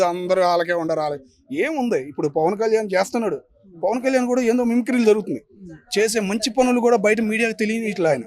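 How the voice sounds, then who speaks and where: A man with an Andhra Pradesh Telugu accent, giving his opinion in a street interview in an emphatic way, full of rhetorical questions. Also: sits high. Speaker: member of the public giving opinion.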